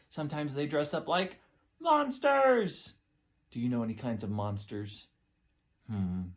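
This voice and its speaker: A children's storytime presenter talks in a classic kindergarten teacher voice. The delivery is simple and encouraging, with questions for very young listeners and key words stretched out. The pitch sits in a middle range. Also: a little mellow. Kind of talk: children's storytime, teaching, reading aloud and singing.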